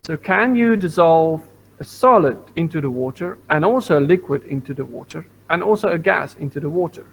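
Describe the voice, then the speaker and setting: A man with a slightly high voice, lively intonation, and vocal fry talks fairly quickly while teaching primary schoolers science on a video call. He is patient, repeats points, and quizzes the class, captured on a computer mic with low quality and slight background noise.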